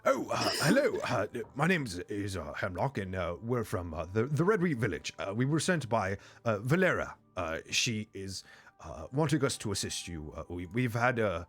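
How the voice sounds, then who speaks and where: A man voicing a courteous mushroom-folk envoy who talks in a halting, stammering way. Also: lowish voice, big pitch swings, a bit bright, slightly rough, heavily acted.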